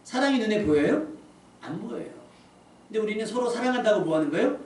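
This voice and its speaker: A man's voice: sits high, lively intonation, fast talker, darkish tone. A man preaching a sermon as pastor in a church, conversational, asking the congregation rhetorical questions. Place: church sanctuary. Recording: echoey church hall from a distance, faint room noise.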